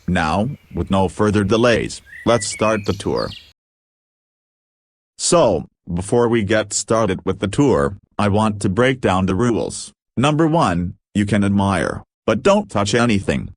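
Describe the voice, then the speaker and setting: A man voicing a formal, speechy president in an animated cartoon. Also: on the low side, measured pace, exaggerated voice.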